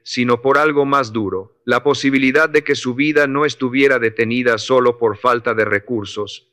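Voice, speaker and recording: A man narrates a scripted motivational story. He reads in a steady, unhurried way. His voice sits at a mid pitch.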